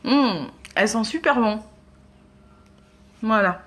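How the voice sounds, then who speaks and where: Beauty vlogger lady, bit high voice, lots of euhs. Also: animated, slow pace, fairly bright tone. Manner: chatty, hesitant with many fillers. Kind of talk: casual product demo.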